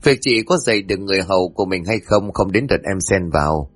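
A man's voice: sits low, lively intonation, quick pace, slightly rough, no echo, faint music behind. A man voicing a jealous, haughty middle-aged second wife who scolds sharply. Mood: indignant.

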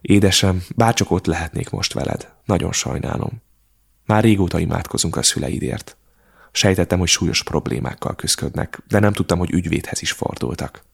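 A man's voice: low voice, gravelly, breathy edge, heavily acted. A man reading a soothing aunt. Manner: gentle, reassuring. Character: caring middle-aged aunt, calm and soothing.

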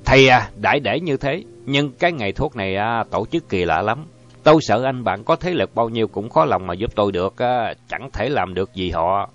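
A man's voice: fairly low pitch, lively intonation, normal speed, fairly bright tone. A man reading an audiobook voices a blunt, proud doctor, raising his voice a little. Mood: wary. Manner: blunt, defensive. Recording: dull lo-fi audio, faint music.

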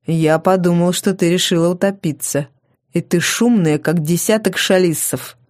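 A woman's voice: fairly low pitch, normal speed, a little mellow, natural voice. A woman reading an audiobook and voicing a grown man with a dry, clipped, methodical way of speaking. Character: terse, aloof grown man of noble house.

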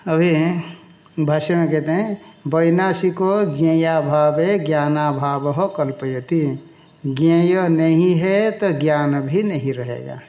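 A man teaching a Sanskrit scripture in a slow, deliberate lecture, chanting verses and pausing to explain their pronunciation and meaning. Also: a little high, darkish tone. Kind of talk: Sanskrit text lecture in Hindi.

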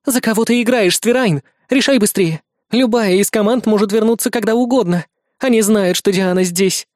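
A man's voice: high voice, fast, a little mellow, no room sound, clean studio sound, voice pushed up, natural voice. Man doing a cold, pushy young woman. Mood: urgent insistent. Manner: urgent, insistent, commanding. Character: cold, pragmatic young woman, a ruthless race partner.

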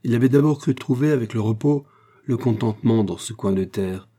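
A man narrating a classic adventure novel in a steady, measured reading. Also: medium pitch. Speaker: audiobook narrator. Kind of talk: scripted narration.

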